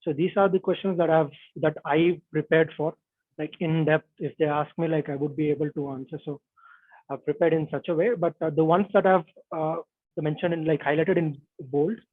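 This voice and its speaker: A man speaks over a bad video-call connection that leaves his voice thin and narrow. His voice sits a little high, with a dry, close sound. He talks hesitantly as a guest, filling pauses with "like" and "uh". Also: fairly even intonation, no echo. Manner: hesitant, many "like" and "uh" fillers. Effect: bad connection, narrow phone-like call audio. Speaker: interview guest, software tester.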